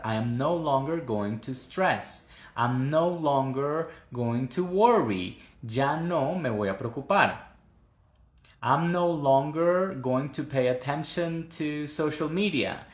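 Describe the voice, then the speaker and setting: Man teaching English, echoey room. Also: mid-range voice. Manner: explains patiently, repeats example phrases slowly; switches between Spanish and drilled English phrases. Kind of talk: live online English lesson.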